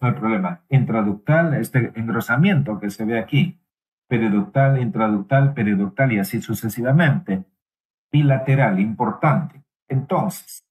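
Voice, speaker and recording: Man, medical lecture interpreter, halting delivery, pauses and fillers, middle pitch. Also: rough recording.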